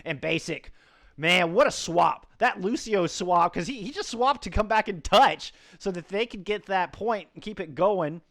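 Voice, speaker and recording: A man co-casting an esports match, excitable and full of hype as he wraps up and thanks the chat. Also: high voice, moderate pace. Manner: excitable, hyped, shouts of praise. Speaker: esports co-caster. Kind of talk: esports post-match commentary.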